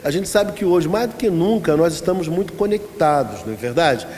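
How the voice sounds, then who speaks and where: A Brazilian man leads a church lesson as its pastor, talking conversationally, asking the room questions and telling little stories. His voice sits a bit high yet sounds mellow. It rings out in a reverberant church hall with a faint hiss underneath. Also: expressive, brisk. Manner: asks the congregation questions and tells anecdotes. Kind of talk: conversational Bible-study lesson.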